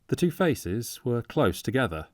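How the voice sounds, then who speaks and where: A man narrating a classic novel as an audiobook in a measured storytelling manner, close to the mic. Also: mid-range voice, very animated, no room sound.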